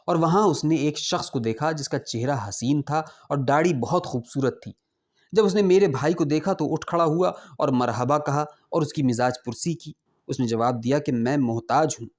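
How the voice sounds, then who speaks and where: A man narrating a classical tale in a measured, formal storytelling manner. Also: on the high side, darkish tone.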